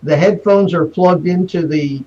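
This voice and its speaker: A man hosting a casual livestream chat, his voice hollow and boomy as if he were inside a barrel because a webcam mic picks him up from across the room. He rambles and fumbles with his gear. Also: a little slow, mellow, muffled recording. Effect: hollow, boomy sound as if inside a barrel. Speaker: livestream show host. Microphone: webcam microphone picking him up from across the room.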